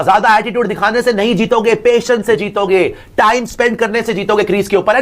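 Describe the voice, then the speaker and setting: A man giving a blunt cricket reaction, firing rhetorical questions and mixing Hindi and English. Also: extremely high pitch. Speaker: cricket commentator. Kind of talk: casual cricket reaction chat.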